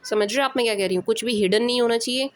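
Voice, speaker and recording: A woman's voice: a little high, very fast. Emphatic Indian woman tarot reader. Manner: emphatic, repeats checks like "understand?"; affectionate pet names for listeners. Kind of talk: casual tarot reading to viewers.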